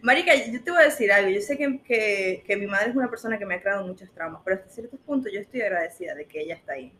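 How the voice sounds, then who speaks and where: A woman's voice: mid-range voice, lively intonation, fast talker, a bit bright, slight background noise. A woman, chatting frankly with a friend as co-host and swearing casually. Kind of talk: casual chat between friends.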